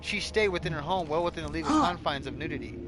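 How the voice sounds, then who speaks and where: A man's voice: on the high side, fast, low-quality recording. A man chatting casually and ranting in a blunt way, swearing heavily. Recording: loud music behind the voice. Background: loud music.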